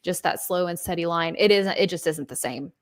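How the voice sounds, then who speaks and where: A woman's voice: on the low side, brisk, dry recording, studio quality. A female co-host who asks questions and guides the conversation through stock charts. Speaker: co-host of market show. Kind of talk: conversational market analysis.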